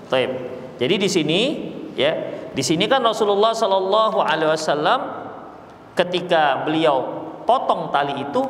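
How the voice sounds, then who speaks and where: Lively male preacher, Medan accent, high and very expressive voice, echoey hall with long reverb. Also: slight background noise. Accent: Medan Indonesian. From Indonesia. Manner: animated, acts out loud prayers mockingly. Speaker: Islamic preacher. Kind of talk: sermon lesson.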